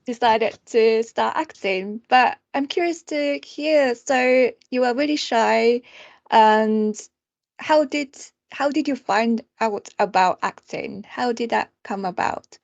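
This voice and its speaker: A woman's voice: on the high side, takes it slowly, vocal fry, dry recording, dull audio. A woman hosting a podcast, asking questions with eager interest and laughing often in a casual conversation. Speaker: podcast host. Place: London.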